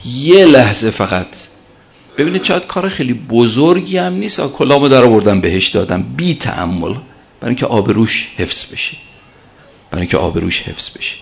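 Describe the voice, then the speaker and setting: A man's voice: mid-range voice, animated, creaky. A man preaching a sermon and telling a story, emphatic and repeating his key phrases.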